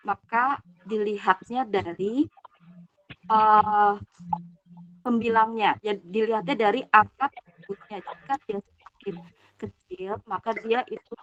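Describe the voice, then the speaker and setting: A woman, a parent joining an online class, explains a math method step by step while her call audio keeps cutting out. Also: mid-range voice. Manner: explains step by step, searching for words. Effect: choppy call audio that keeps cutting out. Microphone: video call. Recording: muffled lo-fi video call.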